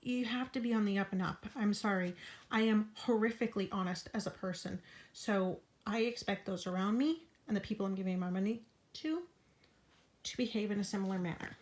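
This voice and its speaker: This is a woman recording a casual update vlog from her bed at home. She is out of breath, her voice sits at an ordinary middle pitch, and she now and then slips into a breathy whisper. She talks frankly, with an indignant edge. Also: a little fast, darkish tone. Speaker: vlogger.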